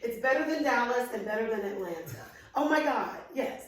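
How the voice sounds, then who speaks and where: Brief: woman, fifties, bright higher voice, laughs easily, heard far off in an echoey room. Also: animated, fairly quick. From Albany, Georgia, US. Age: 50s. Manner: warm, laughing often, enthusiastic. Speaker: interview guest, insurance adjuster. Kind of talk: casual interview. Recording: echoey room, distant from mic.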